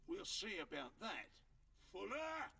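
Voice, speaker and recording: A man's voice: fairly high pitch, huge pitch swings, a little slow, creaky, fairly bright tone, far from the mic, exaggerated voice. An actor playing a smug, crooked merchant and innkeeper in a video game, with a sly salesman's patter that turns scornful. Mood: scornful, defiant. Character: crooked male merchant and innkeeper, smug, defiant, self-righteous.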